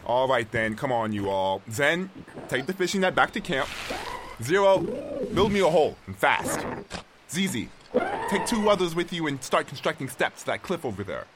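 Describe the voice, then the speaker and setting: A man's voice: mid-range voice, very animated, normal speed, noisy background, lightly acted. A man playing a stranded castaway who jokes about being king, talking in a wry, self-mocking way to his helpers. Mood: commanding. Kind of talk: audio drama acting.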